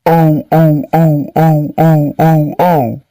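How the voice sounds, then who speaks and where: Guy doing stern cartoon principal, fed up and scolding, voice pitched up, bit far from mic. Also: little pitch movement, extremely slow, dark tone, no room sound, clean studio sound. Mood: exasperated, stern. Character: school principal, stern and exasperated adult.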